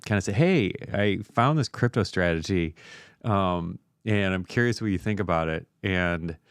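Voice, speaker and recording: A man hosting a casual live stream, chatty and relaxed with many fillers. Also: low-pitched, clear, resonant tone, no echo, clean studio sound. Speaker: host.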